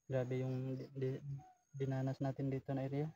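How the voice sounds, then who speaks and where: A man chatting casually outdoors on a mountain, measured and repeating himself as he thinks. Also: mid-range voice, monotone, mellow. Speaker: vlogger on a jungle outing. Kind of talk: casual chat among friends. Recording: distant, dull lo-fi outdoor mic.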